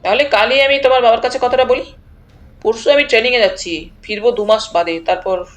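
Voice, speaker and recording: A woman's voice: a little high, brisk, natural voice. A woman reading the part of a blunt, pushy young male suitor who presses hard with challenging questions. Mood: insistent.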